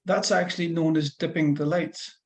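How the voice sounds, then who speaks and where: Speaking at a moderate pace in a fairly high, steady voice, a middle-aged man with a Fife Scottish accent works as a driving instructor. He rambles chattily and restarts a lot while explaining things in a one-to-one lesson held over a call.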